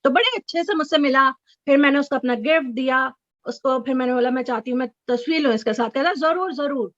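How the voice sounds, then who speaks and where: A middle-aged woman telling an excited story as an interview guest on a video call, sometimes breaking into high squeals. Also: quick pace, no room sound. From Chicago resident. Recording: dull, dry video call audio.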